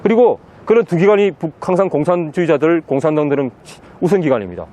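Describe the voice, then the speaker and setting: A man with a notably high voice speaks in an outdoor city interview. He is insistent and drives each point home by repeating key words over and over. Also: animated, fast talker, mellow. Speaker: interviewee, political commentator. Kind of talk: impassioned outdoor interview monologue.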